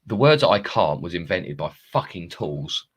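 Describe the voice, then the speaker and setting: Low-voiced sweary motivational man. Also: big pitch swings, a little slow, breathy edge. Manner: blunt, sweary, emphatic rants. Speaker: motivational coach. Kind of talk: casual motivational talk.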